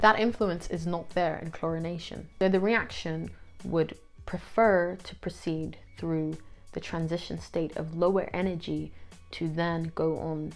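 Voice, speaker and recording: A woman tutor with a gravelly, creaky voice reads out revision questions and answers each one, dropping dry asides in between. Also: low voice, darkish tone.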